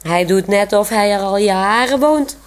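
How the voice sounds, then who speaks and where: A woman author reading her own children's book aloud in a gentle storytelling manner. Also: mid-range voice, measured pace, background noise.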